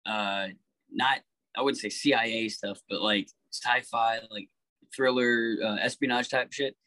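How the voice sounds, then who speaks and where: A man talking casually as a podcast guest, animated, swearing freely and pitching story ideas. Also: unhurried, dry recording, poor audio.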